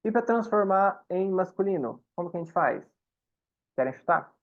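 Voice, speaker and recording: A man's voice: high-pitched, animated, moderate pace, dull audio. Patient man teaching German. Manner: patient, explains with frequent checks to the class. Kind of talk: online class explanation.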